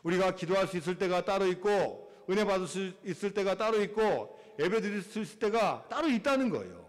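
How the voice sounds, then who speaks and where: Male pastor, high voice, sermon in a reverberant church hall, dramatic swings in volume. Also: expressive, a little fast. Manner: preaching, acts out quoted voices, swings from loud to hushed. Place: church sanctuary.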